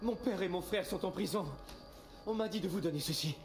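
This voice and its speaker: A man's voice: high-pitched, a little fast, soft background music. Ezio, a young nobleman in a dubbed game. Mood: panicked. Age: young adult. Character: young nobleman, anxious and breathless, eager son. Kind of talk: French-dubbed video game dialogue.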